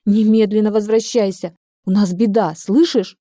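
A woman's voice: medium pitch, steady tone, normal speed, warm tone, no echo, studio quality, close to an everyday voice. A woman reading the part of a frantic, furious young woman on the phone, pleading and hysterical.

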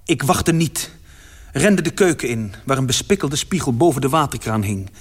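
A man reading a first-person literary story aloud as narrator, with dramatic delivery that swells in its louder passages. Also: mid-range voice, expressive, moderate pace, husky.

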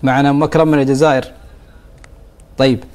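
A man hosting a religious call-in show, moderating briskly and taking calls. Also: medium pitch, flat delivery, darkish tone. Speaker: talk show host.

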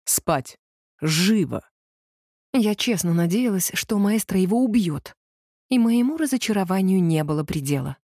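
A woman narrating a first-person story as an audiobook reader, with a lively, sharp-tongued delivery. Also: on the low side, no echo, clean studio sound.

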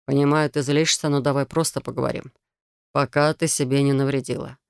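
Woman voicing a patient prince mage, gravelly, flat and even, smooth resonant tone, soft condescending calm, audiobook fantasy. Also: low voice, normal speed, dry recording, studio quality.

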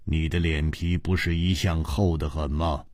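Man doing a low, cool teasing companion. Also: very animated, dry recording, studio quality, heavily acted. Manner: low, quiet, unhurried. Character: cool dry-witted male companion, calm and teasing. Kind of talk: traditional storytelling.

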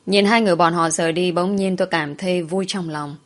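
A woman's voice: on the low side, fairly even intonation, brisk. A woman narrating a first-person story, dramatically voicing the heroine's fears.

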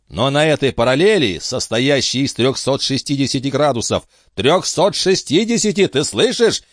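A man voicing an excitable, hot-tempered old sea captain who shouts in high, agitated bursts. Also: no echo, studio quality.

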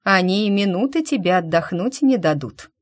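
A woman's voice: mid-range voice, animated, moderate pace, natural voice. A woman voicing a sarcastic, grumbling middle-aged woman nicknamed the witch. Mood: sarcastic, grumpy.

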